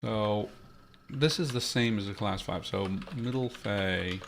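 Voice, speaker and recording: A man's voice: on the low side, slow, creaky, slight background noise. A man hosting a podcast, thinking aloud as he builds a language, with many fillers and restarts. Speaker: podcast host.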